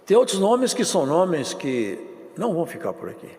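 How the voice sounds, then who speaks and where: A man preaching a sermon, swinging between loud declarations and low hushed passages. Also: wildly swooping pitch, moderate pace, in a large hall. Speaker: pastor.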